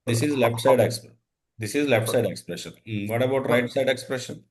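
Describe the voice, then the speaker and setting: A man's voice: mid-range voice, fairly quick. A man teaching an interactive coding lesson, dictating in short fragments and quizzing his students as he goes. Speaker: instructor.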